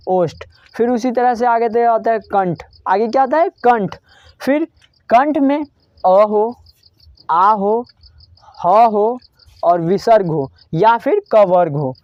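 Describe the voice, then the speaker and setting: A woman's voice: fairly high pitch, a little mellow, dry recording. A woman teaching a grammar lesson, asking a question and answering it herself over and over. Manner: drilling students with repeated questions and answers. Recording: dull dry lo-fi recording.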